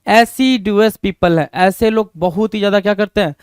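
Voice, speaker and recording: Guy teaching vocab for exams, kinda high voice, dry close sound, keeps asking questions and answering them himself. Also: moderate pace, smooth, dry recording. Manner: asks rhetorical questions and answers them himself, repeating key words. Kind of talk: exam-prep vocabulary lesson.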